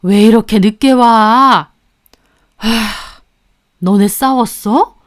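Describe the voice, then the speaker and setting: A woman's voice: mid-range voice, unhurried, a little mellow, dry recording, clean studio sound, lightly acted. A woman voicing a bossy, nosy older mother-in-law who nags and scolds her family in a story narration. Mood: scolding. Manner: nagging, scolding.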